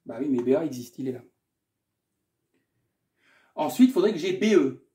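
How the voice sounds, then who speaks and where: Casual French-speaking math tutor, mellow and echoey. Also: male voice, fairly high pitch, lively intonation, moderate pace. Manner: thinks aloud, repeats himself, casual asides. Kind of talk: explaining a math exam correction.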